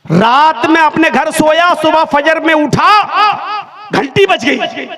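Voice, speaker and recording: A comedian telling a comic story to a live audience in a conversational way, acting out the dialogue. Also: male voice, extremely high pitch, slow. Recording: live crowd audible.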